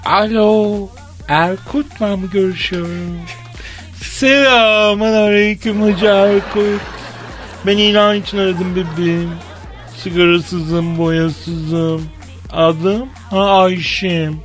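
Man doing a flirty lady caller, slow coy drawl, raised pitch. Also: steady tone, fairly bright tone, soft background music. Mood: coy flirting. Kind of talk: comic phone prank role-play.

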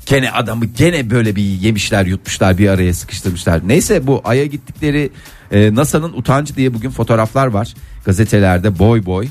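A man's voice: lowish voice, normal speed, a little mellow, soft background music. A man hosting a casual, humorous talk, telling things in a rambling, colloquial way. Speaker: talk show host.

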